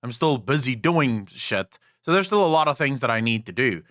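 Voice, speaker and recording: Very animated at normal speed, this man's mid-range voice sounds a bit bright as he co-hosts a gaming podcast. A native Afrikaans speaker, he rants bluntly and profanely with strong opinions.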